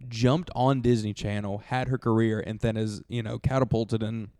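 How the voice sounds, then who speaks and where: A man's voice: fairly low pitch, flat delivery, moderate pace, warm tone, no echo, studio quality. A young man in his twenties co-hosting a podcast, easygoing as he leads the segment in casual chat. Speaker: podcast co-host.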